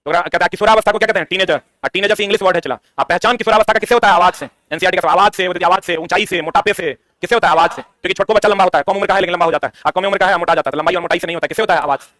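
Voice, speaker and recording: A man's voice: high voice, racing, few pauses, pushed and bright, dry recording. A man teaching an exam-prep science lesson, drilling students with repeated questions and answers.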